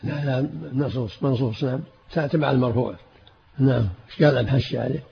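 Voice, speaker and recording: A man's voice: mid-range voice, fairly even intonation, fast, creaky. An older man, commenting as a sheikh at a hadith reading session, answering briefly and repeating words as he searches for them. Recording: dull lo-fi old tape with faint hiss.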